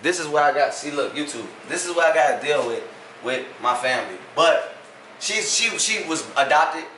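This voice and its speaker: A man's voice: on the high side, animated, moderate pace, bright, forceful tone. Young guy, louisiana accent, chill joking cooking vlog, echoey kitchen, phone on the counter. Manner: joking, laid-back, teasing. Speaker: cooking vlogger. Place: home kitchen, indoors. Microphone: phone camera on the counter. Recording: echoey kitchen with background noise.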